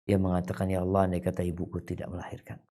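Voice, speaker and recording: Male preacher, religious talk; recites Arabic lines, then explains them casually; voice swoops high and low, loud to soft. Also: monotone, racing. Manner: colloquial asides to the audience. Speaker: Islamic preacher. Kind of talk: religious lecture.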